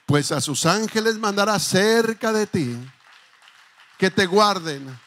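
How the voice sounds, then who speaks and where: High, bright-voiced pastor preaching. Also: male voice, lively intonation, takes it slowly, a faint crowd. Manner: fervent preaching, calling out "hermanos" and "aleluya". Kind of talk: sermon. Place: church.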